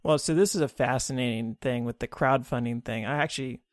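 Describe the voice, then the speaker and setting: A man's voice: medium pitch, fairly quick, no echo, clean studio sound. A man hosting an interview in a conversational way, reading figures from his notes as he asks questions. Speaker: podcast host. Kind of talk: casual interview.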